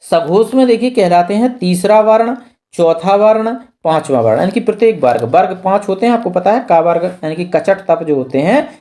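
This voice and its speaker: Teacher, exam practice lesson, step by step, asks then answers, dark mellow voice. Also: medium pitch, animated, normal speed. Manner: explains step by step, repeating key terms. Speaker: Hindi grammar teacher.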